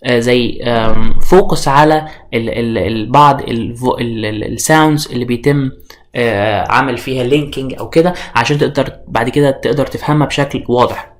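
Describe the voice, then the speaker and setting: A young man with an Egyptian Arabic accent introduces an online IELTS course as its instructor, blending English terms into his Arabic. His mid-range voice moves at a normal speed, and he often uses fillers and restarts his sentences.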